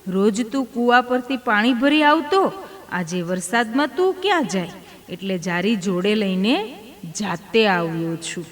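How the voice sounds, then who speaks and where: A woman's voice: mid-range voice, expressive, unhurried. Woman telling a devotional tale, reverberant. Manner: voices each character in turn within the tale. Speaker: storyteller. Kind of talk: devotional storytelling. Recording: long hall reverb.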